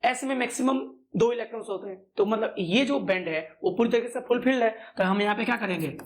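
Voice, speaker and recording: A male physics teacher lectures in a chatty way. He asks quick questions and answers them himself. He repeats the key terms again and again. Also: sits high. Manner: chatty asides, calls students "brother". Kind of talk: classroom-style lecture.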